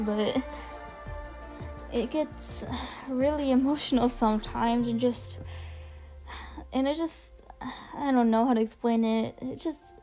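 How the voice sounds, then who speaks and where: With music under her voice, a woman gives casual video commentary while presenting a ranking, gushing, emphatic, and swearing casually. Her voice is fairly high and warm.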